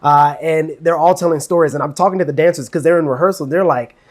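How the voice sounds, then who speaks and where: A man's voice: a little high, fast talker. An upbeat man working as a cruise director, chatting casually and enthusiastically in an interview, stressing key words with emphatic repetition. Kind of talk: casual interview, promotional chat.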